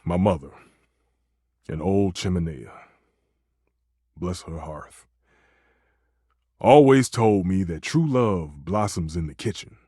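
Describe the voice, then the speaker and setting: A male actor playing a passionate, dramatic, flirtatious living stove who works as a chef, with a theatrical, expressive delivery in a dating video game. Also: low-pitched, slow, pauses often, husky, dry recording, clean studio sound, exaggerated voice. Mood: earnest, tender. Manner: theatrical, expressive, swinging between exclaiming and murmuring. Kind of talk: voiced dating video game character lines.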